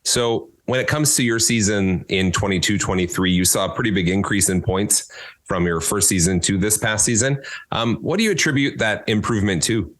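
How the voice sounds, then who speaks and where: A man hosting a podcast interview, asking questions in an upbeat, lively way. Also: lowish voice, normal speed. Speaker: podcast host.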